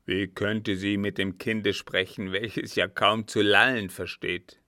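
A man voicing a furious old captain who barks and growls loud, angry questions in an audiobook reading. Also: lowish voice, level tone, takes it slowly, no room sound, studio quality, exaggerated voice. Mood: growling angry. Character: old furious male captain, a snarling bully.

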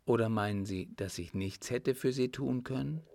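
A man's voice: vocal fry, no room sound, close to an everyday voice. A man voicing a wistful older countess. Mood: confiding. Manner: raised pitch, softly confiding, measured. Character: wistful older widowed countess, rich and resolute. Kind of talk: audiobook reading.

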